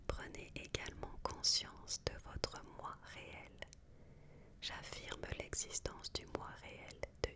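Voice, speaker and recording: Someone reading a book aloud for ASMR in a soft, hushed library whisper, measured and with pauses.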